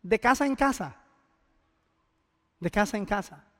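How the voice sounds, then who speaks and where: A man's voice: high-pitched, lively intonation, measured pace, sharp tone, in a large hall. A man preaching a sermon as pastor, speaking conversationally and addressing the congregation directly.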